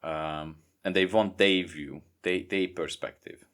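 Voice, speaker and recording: Very deep-voiced Hungarian man, halting. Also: fairly even intonation, fairly bright tone. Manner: halting, repeats words, non-native grammar. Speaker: guest author. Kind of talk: casual podcast interview. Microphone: remote podcast recording.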